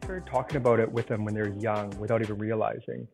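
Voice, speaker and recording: A man with a lowish voice and vocal fry talks fast in a steady tone as a guest author being interviewed. He explains things earnestly with simple examples and says "like" often. The conversation comes through tinny, phone-like remote call audio with music in the background.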